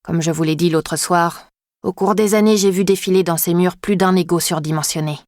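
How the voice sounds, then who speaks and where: A woman's voice: fairly low pitch, steady tone, a little fast, a little mellow, no echo, clean studio sound, lightly acted. A woman voicing a stern, arrogant male riding master in an audiobook, speaking in curt, commanding tones. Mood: haughty.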